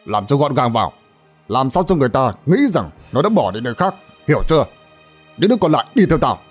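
A man's voice: medium pitch, sing-song, quick pace, breathy edge, soft background music. A man voicing a cruel gang leader in a storybook tale, giving curt orders. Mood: commanding. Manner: curt, commanding.

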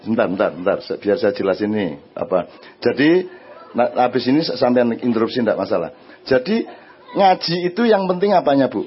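A man with an East Javanese accent speaking to an audience. He answers their questions in a lively, conversational way and often asks them "right?". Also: medium pitch, a little fast, dull audio, a little hiss or hum. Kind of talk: religious and social talk before an audience.

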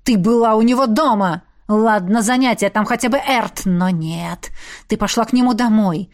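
A woman's voice: medium pitch, moderate pace, a little mellow, natural voice. Woman voicing a jealous young shapeshifter man. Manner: gruff, sulky, needling. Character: jealous hot-tempered young male shapeshifter. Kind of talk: audiobook character reading.

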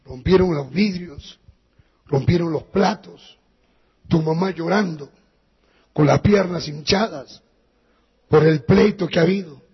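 A male pastor preaching a sermon as a storytelling preacher who drops to a hushed voice in sad passages. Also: on the high side, measured pace, long pauses, husky. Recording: dull recording with long church reverb.

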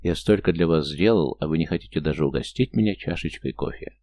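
A man's voice: rumbling low, fairly quick, dark tone. A man voicing an easily offended middle-aged Frenchman in an audiobook, pleading and complaining. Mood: aggrieved. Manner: pleading, aggrieved.

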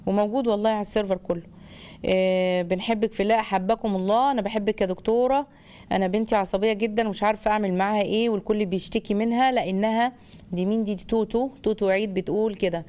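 A woman's voice: medium pitch, darkish tone. A woman with an Egyptian accent hosting a live call-in parenting advice show, chatty and reading out viewer comments. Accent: Egyptian Arabic.

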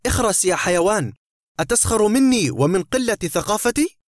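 A man reading a story aloud, voicing a boastful burglar who mocks and threatens at gunpoint in a fairly high voice. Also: expressive, a little fast, no echo, clean studio sound, lightly acted. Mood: menacing. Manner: mocking, threatening. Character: sarcastic menacing male burglar, boastful.

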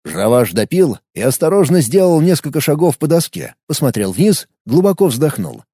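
A man narrating an audiobook with animated, expressive storytelling. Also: fairly high pitch, normal speed, breathy edge, no echo, clean studio sound.

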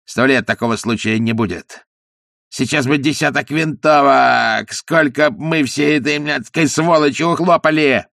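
A man's voice: mid-range voice, normal speed, gravelly, a bit bright, no echo, studio quality, pitched above the performer's own voice. A man voicing a brash, foul-mouthed colonial timber merchant who snarls and curses. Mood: snarling. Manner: snarling, crude, cursing.

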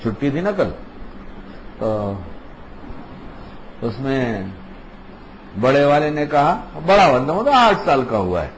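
An older man giving an informal religious talk, in a fairly high voice. He teaches in an emphatic, conversational way. He repeats key phrases over and over. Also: very animated, long pauses, slight background noise, poor audio. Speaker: religious speaker.

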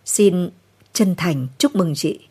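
Brief: a tired former war cameraman, polite but uneasy, read by a woman in a low, dark voice. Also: slow, slightly rough. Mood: subdued. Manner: polite, awkward, subdued. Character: weary middle-aged male war cameraman.

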